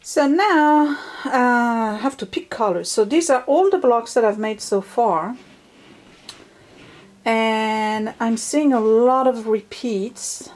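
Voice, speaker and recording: A woman's voice: fairly high pitch, slow, darkish tone, soft background music. A woman hosting a quilting series, talking casually and wandering into self-deprecating asides as she explains. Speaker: host of a quilting video series. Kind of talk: casual tutorial chat.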